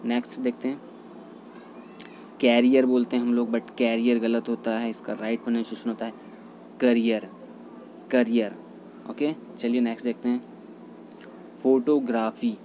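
A man teaching English pronunciation in a lesson, repeating each word slowly and carefully. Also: medium pitch, monotone, dark tone, slight background noise, low-quality recording. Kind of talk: Hindi-language pronunciation lesson.

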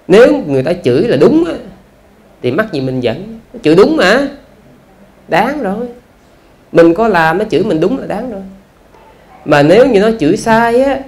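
Speaking in a high-pitched, slightly mellow voice, a monk with a Southern Vietnamese accent offers a chatty Buddhist dharma talk. He keeps asking rhetorical questions and stretches out "à" as a filler.

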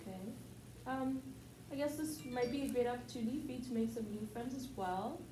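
In a student skit role-play, a young woman plays a calm, patient, polite family counselor who hesitates with lots of ums. Her voice is fairly high, a little fast, mellow, and natural. It was recorded by a far camera in an echoey classroom with a table and background noise.

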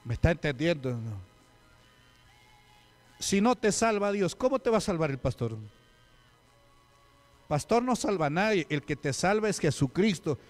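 Male preacher, fairly high voice, storytelling sermon, faint music underneath. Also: sing-song, normal speed, pauses often. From Peru. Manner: storytelling with acted quotes and questions to the congregation.

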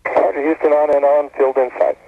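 A man's voice: on the high side, level tone, brisk, vocal fry, husky. A shuttle crew member, a man, giving clipped radio acknowledgments to mission control over a breaking-up space-to-ground radio link. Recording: tinny crackly radio link with hiss.

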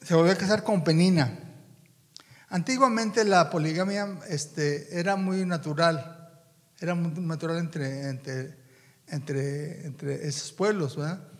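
A preacher gives a sermon in a high, carrying voice. He talks in a halting way, repeating words as he addresses his brothers in faith. His voice rings through a long church-hall echo.

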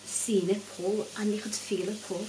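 A woman's voice: flat delivery, moderate pace. A woman in her twenties talking casually during a séance for a vlog. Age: 20s. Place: dim indoor room at night. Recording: low hum, faint noise.

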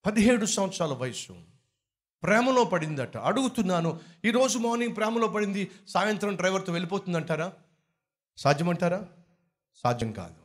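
A man's voice: high-pitched, expressive, brisk, long pauses. A male pastor preaching a rebuking sermon with rhetorical questions, then leading a pleading prayer. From India.

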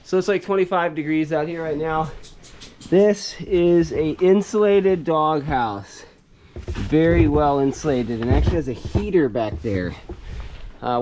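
A man in his thirties vlogs casually to camera outdoors on a snowy rural homestead, easygoing and chuckling often as he explains his gear while working. His voice is fairly high with a darkish tone, captured on a handheld or strapped-on action camera with poor audio and slight background noise.

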